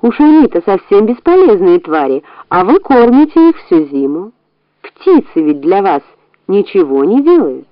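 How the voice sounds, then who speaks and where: A woman's voice: mid-range voice, big pitch swings, normal speed, dry recording, highs cut off, lightly acted. A woman voicing a sly, boastful old female rat in a storybook reading, wheedling and full of self-praise.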